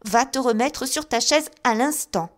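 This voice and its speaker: Haughty, imperious mother, indignant and commanding, pitched up and louder, read by a woman. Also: unhurried, close to an everyday voice. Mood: haughty scolding. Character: haughty scolding middle-aged mother, imperious.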